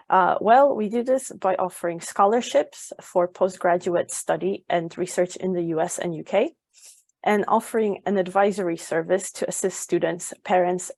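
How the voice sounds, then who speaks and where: A woman's voice: on the low side, creaky, a little mellow, no echo. A young woman from Poland giving a webinar as an education advisor, informative and full of ums and uhs. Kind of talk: webinar presentation.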